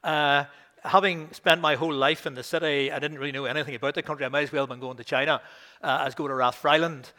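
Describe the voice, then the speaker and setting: This older Northern Irish minister from Belfast talks fast in a high-leaning, steady voice that sounds pushed and bright. His sermon mixes scripture read with rising emphasis and anecdotes broken up by chuckles.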